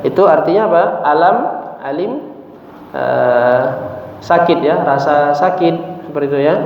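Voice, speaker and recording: A man teaching Quran recitation, explaining patiently and chanting verses slowly for a group to repeat, recorded in a mosque hall. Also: on the high side, gravelly, a little hiss or hum. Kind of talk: tahsin lesson with call-and-repeat recitation. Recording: echoey mosque hall, distant mic, tinny phone-like sound.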